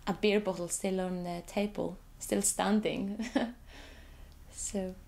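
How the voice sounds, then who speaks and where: Describing her photographs during an interview, this Icelandic artist speaks English as a second language, hesitant and given to restarting sentences and repeating words. She sounds creaky and darkish at a medium pitch, keeping a steady tone and taking her time.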